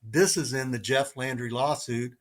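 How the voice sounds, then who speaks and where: A man's voice: medium pitch, fairly even intonation, normal speed. Guy walking thru his slides, earnest, leans hard on the quotes, plain middle voice. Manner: earnest, emphatic, reads quotes aloud. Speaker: guest presenter. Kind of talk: presenting slides on a talk show.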